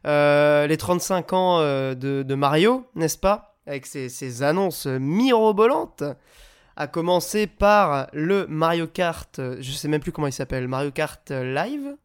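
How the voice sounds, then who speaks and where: Stuffy-nosed male podcast host, smooth voice. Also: a little high, a little slow. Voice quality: nasal, stuffy nose from a cold. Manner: relaxed, improvised, chatty. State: has a head cold. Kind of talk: casual live video game podcast hosting. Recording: music behind the voice. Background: music.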